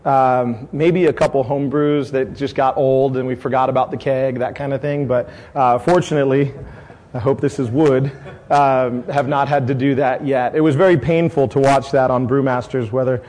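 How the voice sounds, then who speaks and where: Speaking to guests at a tasting event, this San Diego brewery owner in middle age talks in a loose, rambling way, full of fillers and false starts. He has a darkish, mid-range voice, a steady tone and a moderate pace.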